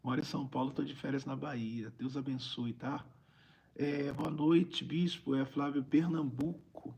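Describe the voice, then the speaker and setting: A Brazilian preacher with a raspy, gravelly voice chats informally on a livestream, reading out viewer greetings and repeating phrases for emphasis. His pitch is medium and his intonation fairly even, and he speaks unhurriedly in a slightly mellow tone.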